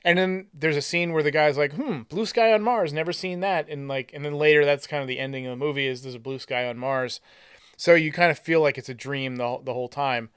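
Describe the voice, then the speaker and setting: A man's voice: mid-range voice, steady tone, quick pace, a bit bright, smooth, dry recording, clean studio sound. A man co-hosting a podcast, chatting casually and enthusiastically about a movie, retelling scenes with hesitant restarts. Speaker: podcast co-host.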